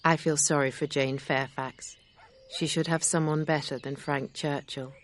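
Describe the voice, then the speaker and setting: A woman reading aloud, voicing a kind, sincere gentleman in a low, measured tone. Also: flat delivery, a little hiss or hum, close to an everyday voice.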